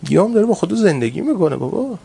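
Animated male preacher, fairly high voice. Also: gravelly, breathy edge. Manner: animated, swings between loud and hushed. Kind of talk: sermon with storytelling.

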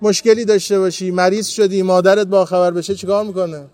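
A man with a high voice gives a devotional talk to pilgrims at a shrine. He tells his stories earnestly and from the heart, and the sound is close and dry, with little room echo. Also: flat delivery, darkish tone. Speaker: pilgrimage preacher.

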